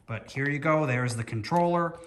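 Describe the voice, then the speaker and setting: A man's voice: a little high, moderate pace, a bit bright, a little hiss or hum. Chatty man reviewing a toy. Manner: chatty and rambling, thinks aloud while working with his hands. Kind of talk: casual hands-on product review.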